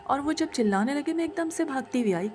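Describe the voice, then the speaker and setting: High-voiced woman narrating a horror story. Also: expressive, a little fast, darkish tone, soft background music. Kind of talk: dramatic horror story narration, voicing several characters.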